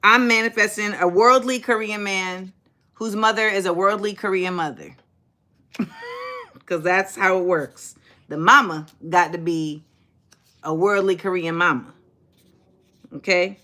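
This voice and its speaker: With a medium-pitched voice, a woman in her forties talks a little slowly and leaves long pauses while hosting a casual livestream. Chatty, sassy and animated, she faces her viewers directly, reading out their comments and replying.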